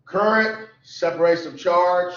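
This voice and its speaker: A tired, sleepy man teaching a lecture class, repeating definitions slowly so students can write them down. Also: high voice, a bit bright. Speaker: college instructor. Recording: echoey classroom, dull lo-fi sound.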